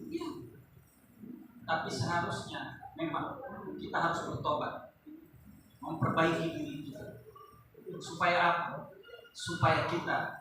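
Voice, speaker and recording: A pastor, a man, preaching a sermon to his congregation, swinging from loud rising calls to quiet asides. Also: fairly high pitch, sing-song, takes it slowly, pauses often, noisy background. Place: large church hall. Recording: echoey hall, voice from far off.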